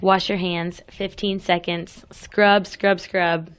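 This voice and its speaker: A woman's voice: on the low side, little pitch movement, slow. A woman co-hosting a radio show, chatting casually and laughing often in an easygoing way. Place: radio studio.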